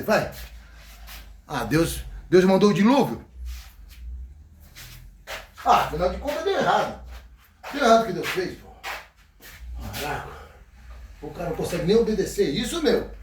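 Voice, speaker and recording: Folksy Brazilian preacher, high voice. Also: male voice, a little hiss or hum. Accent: Brazilian Portuguese. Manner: folksy, joking, acts out scenes. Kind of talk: informal sermon. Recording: echoey room.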